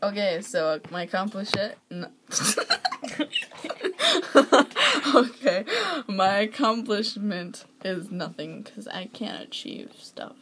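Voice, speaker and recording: A woman's voice: medium pitch, unhurried, noisy background. A young woman in a casual vlog, giggly and self-mocking. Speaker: vlog co-host. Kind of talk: casual home vlog chat.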